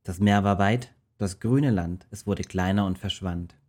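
A man tells a Bible story in rhymed verse. His reading is steady and rhythmic, in a lowish, mellow voice. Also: unhurried.

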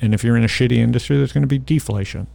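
Man, casual interviewer, dark mellow tone, vocal fry, informal and opinionated. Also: medium pitch, racing, no room sound. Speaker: interviewer and investor.

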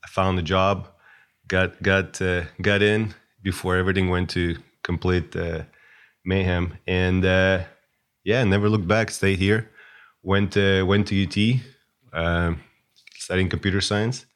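A man's voice: low voice, fairly even intonation, a little slow. A man, a guest chatting casually and hesitantly, with many fillers and restarts. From Russia. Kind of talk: casual interview chat.

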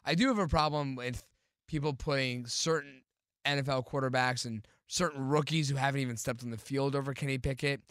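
A man co-hosting a casual sports podcast, agreeing often and making measured points. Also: mid-range voice, fairly even intonation, a bit bright, no echo, clean studio sound. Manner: agreeable, frequent short affirmations, measured points. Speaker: podcast co-host.

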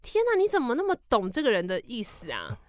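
Sex: female. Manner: rapid, lively storyteller. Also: on the high side, dry recording, studio quality. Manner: animated, jokey, laughs often. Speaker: podcast host. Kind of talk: casual storytelling chat.

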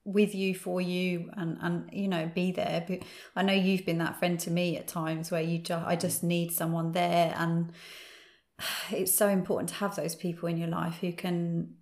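Woman host talking low and flat, lots of room echo. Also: moderate pace. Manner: warm, affirming, thinks aloud. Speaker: podcast host. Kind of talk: casual chat. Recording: echoey room.

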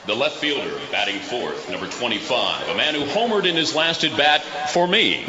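A man working as a ballpark announcer, heard over a stadium PA system, booming and stretching out the names in a drawn-out player introduction. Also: very animated, background noise. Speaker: ballpark public address announcer. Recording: dull played-back PA clip.

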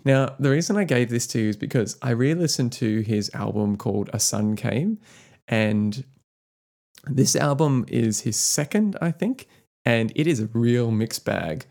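A man's voice: medium pitch, expressive, a little slow, creaky, a little mellow. A man co-hosting a podcast, chatting casually about music, rambling with lots of fillers. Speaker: podcast co-host.

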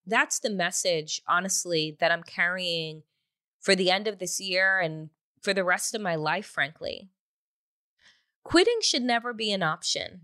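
Bright-voiced woman hosting a podcast. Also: mid-range voice, no room sound. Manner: earnest, repeats words, many fillers. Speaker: podcast host. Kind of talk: casual podcast talk and interview intro.

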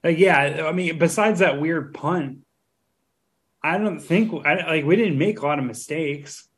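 A man's voice: a little high, unhurried, fairly bright tone, rough recording. Profane rambling podcast co-host man. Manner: rambling, profane, laughing often. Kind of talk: casual crude banter.

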